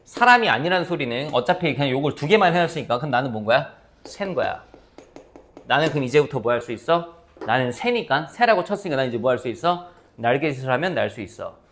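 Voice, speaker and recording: A man's voice: mid-range voice, fast. A man teaching math to a class, explaining with playful stories and acting out his students' voices. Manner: lively, playful storytelling with acted-out student voices. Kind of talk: classroom lecture.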